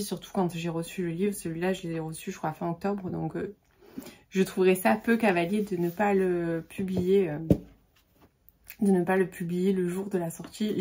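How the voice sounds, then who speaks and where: A woman talks casually about the books she is reading, chatty and full of little fillers and restarts. Her voice is slightly breathy and sits at a middle pitch. She sounds easygoing and conversational. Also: darkish tone. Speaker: book vlogger.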